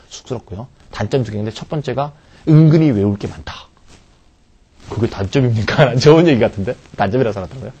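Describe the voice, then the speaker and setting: In a recorded video lecture, a middle-aged man teaches English grammar with an animated, playfully teasing style. His medium-pitched voice is husky, and he poses rhetorical questions only to answer them himself.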